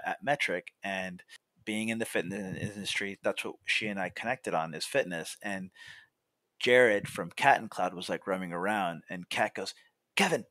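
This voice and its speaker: A young American coffee roaster from Monrovia, California, tells stories as a podcast guest in a chatty, casual way. His fairly low-pitched voice has a fairly bright tone with no echo, and he scatters "like" and "you know" throughout.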